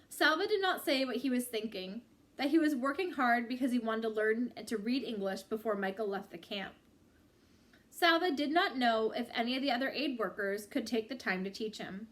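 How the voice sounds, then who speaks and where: In a slightly high voice, a woman narrates a book chapter. Her delivery is expressive and unhurried, with elongated phrasing in a storytelling manner.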